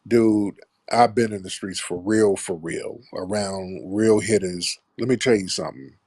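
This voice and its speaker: A low-pitched man with a slightly husky voice hosts a call-in stream. He speaks bluntly and profanely, like he's telling street stories to a friend. The sound is close and dry. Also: steady tone, measured pace, a little mellow, no room sound. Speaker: show host taking callers. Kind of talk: casual live-stream talk.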